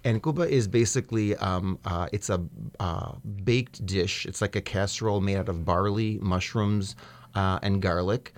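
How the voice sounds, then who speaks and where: This middle-aged American man sits low in pitch and speaks at a moderate pace, with no room sound in the recording. He is a radio studio guest in a casual interview, talking in a good-humored, hesitant way full of fillers.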